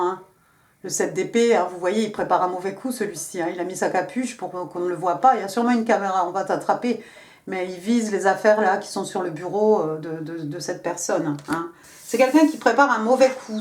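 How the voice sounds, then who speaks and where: A woman giving a casual tarot reading to camera, chatty and full of fillers, speaking directly to her viewers. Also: medium pitch. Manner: chatty, many fillers and hein. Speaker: tarot reader. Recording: echoey room.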